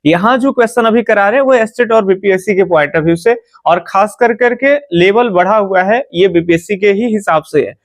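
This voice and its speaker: A man from India with a Bihari Hindi accent, teaching an exam-prep lesson in a brisk way, often pausing on drawn-out fillers and checking in with listeners. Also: high-pitched, no room sound. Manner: brisk, repeats "theek hai" and "fatafat se bataenge", drawn-out "a" fillers.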